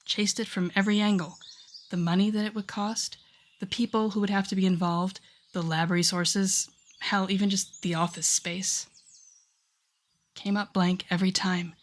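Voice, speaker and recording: Speaking at a normal speed with fairly even intonation, a woman uses a natural mid-range voice to act out a telepathic villain mentoring a rookie hero. The intimate, second-person roleplay has a musing, wry tone as she teases and chats.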